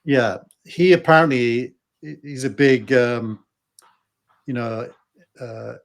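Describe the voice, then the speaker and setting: An older man in a loose, casual debate, pitched in the middle for a man. He hesitates often, filling pauses and restarting his sentences as he thinks aloud. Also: creaky. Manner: hesitant, many fillers and restarts. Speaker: podcast co-host.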